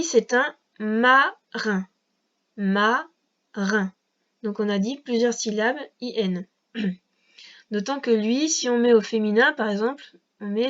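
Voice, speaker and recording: A woman's voice: fairly high pitch, highs cut off. A woman teacher guiding a young child through a reading lesson at a patient, carefully articulated pace. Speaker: first-grade teacher.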